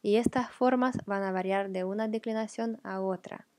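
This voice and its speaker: A woman with Ukrainian as her first language, patiently explaining grammar as a teacher and repeating example words slowly. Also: medium pitch, steady tone, darkish tone, no echo.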